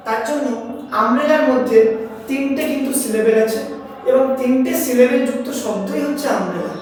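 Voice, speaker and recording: A woman's voice: sits high, brisk, darkish tone, a little hiss or hum. A woman teacher with a Bengali accent explains step by step, asks her students questions and sounds out words syllable by syllable. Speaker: English grammar teacher. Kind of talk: classroom lesson. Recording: echoey hall, voice from a distance.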